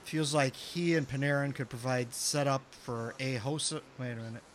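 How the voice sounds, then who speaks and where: A man's voice: medium pitch, steady tone, normal speed, a little hiss or hum. A man hosting a casual hockey podcast with friends, reading out listener questions and joking along, sometimes tripping over players' names. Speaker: podcast host.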